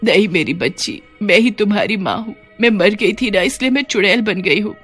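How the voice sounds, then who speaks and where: A woman's voice: mid-range voice, animated, fairly quick, fairly bright tone, slightly rough, faint music behind. A woman voicing a grieving ghost mother witch. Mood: tender. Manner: lamenting, emotional. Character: widowed mother turned sorrowful witch ghost.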